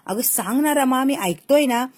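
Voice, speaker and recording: A woman voicing an affectionate, teasing young husband, dropping her voice a little lower for him. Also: expressive, moderate pace. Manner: playful, romantic teasing.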